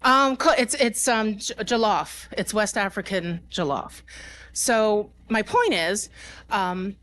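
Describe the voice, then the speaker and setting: A woman's voice: medium pitch, fairly bright tone. A woman speaking at a security conference, conversational with fillers and restarts, laughing between points and talking with her live audience. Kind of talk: conference talk.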